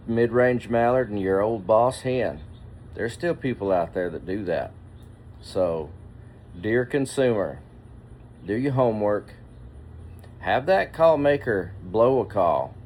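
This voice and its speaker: A man in his sixties speaking to viewers in a reflective, deliberate monologue, pausing often and posing rhetorical questions. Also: on the low side, a little mellow, slight background noise. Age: 60s. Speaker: duck hunter and caller, vlogger.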